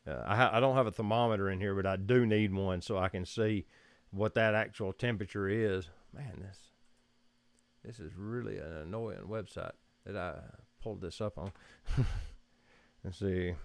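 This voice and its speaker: Easygoing Southern man, low voice. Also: normal speed, gravelly, no echo. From Georgia, US. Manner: rambling, easygoing, chuckles often. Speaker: photography livestream host. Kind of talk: casual live-stream chat. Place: room at home.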